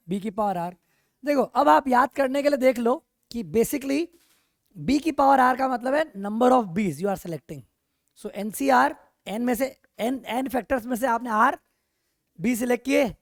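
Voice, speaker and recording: A male math teacher lecturing a class, animated and constantly checking in with rhetorical questions. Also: sits high, no room sound, studio quality. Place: classroom with online students.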